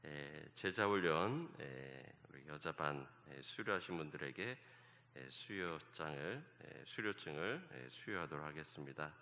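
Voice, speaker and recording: A male pastor leading a church service and giving announcements, often filling pauses with a repeated "yes". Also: a bass voice, lively intonation, bright, forceful tone. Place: church sanctuary. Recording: long church reverb, faint ambience.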